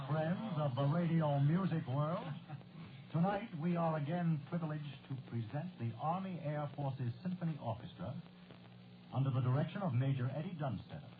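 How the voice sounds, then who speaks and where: An actor playing a soldier who speaks as a formal old radio announcer, in 1940s radio drama style. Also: male voice, on the high side, phone-quality sound, lightly acted. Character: wisecracking American soldier, former radio announcer, in announcer mode. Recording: noisy, thin, band-limited old radio recording.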